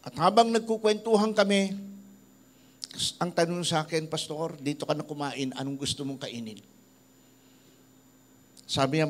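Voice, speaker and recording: A middle-aged man from the Philippines preaches to his church, telling stories about people he has met. His voice sits a little high, and he lifts it or drops it low as he speaks the lines of the people in the stories. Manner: tells stories in a lively voice, quoting people he met. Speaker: pastor. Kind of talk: sermon with storytelling.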